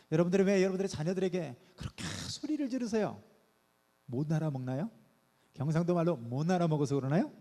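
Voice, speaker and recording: A middle-aged male pastor with a high-pitched, dark-toned voice preaches a midweek sermon in a church sanctuary, where the hall's long reverb is heard. He asks the congregation questions and coaxes them with playful asides.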